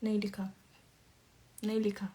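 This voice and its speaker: A woman's voice: mid-range voice, level tone, a little slow, warm tone. A woman makeup artist chatting through a live makeup class, answering viewers by name as she works. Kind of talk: casual live-stream makeup tutorial.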